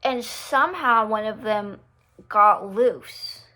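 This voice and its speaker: Animated young woman ranting a story. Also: on the high side, takes it slowly. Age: young adult. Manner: animated, swears freely, acts out quotes. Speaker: vlogger. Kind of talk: casual storytime rant.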